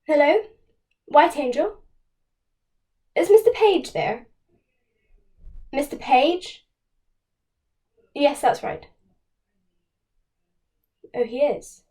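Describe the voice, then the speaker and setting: A woman playing an anxious, fragile woman who pleads haltingly down a telephone. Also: high-pitched, animated, darkish tone, full character voice. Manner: halting, pleading phone talk. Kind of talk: stage monologue, one side of a phone call.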